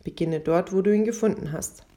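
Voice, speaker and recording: A woman voicing a calm, gently firm mother in a storybook reading. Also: on the low side, brisk, natural voice. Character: patient, firm widowed mother.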